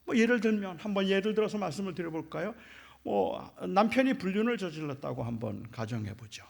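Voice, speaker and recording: A man, a pastor, preaching a sermon in a church, swinging between loud emphasis and hushed near-whispers and asking the congregation rhetorical questions. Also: sits high, animated, fairly quick, vocal fry.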